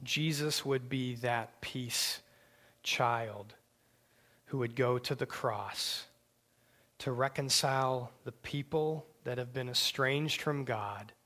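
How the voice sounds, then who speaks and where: Slow, emphatic male preacher. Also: mid-range voice. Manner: slow, emphatic preaching with hushed whispered asides. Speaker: pastor. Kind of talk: sermon.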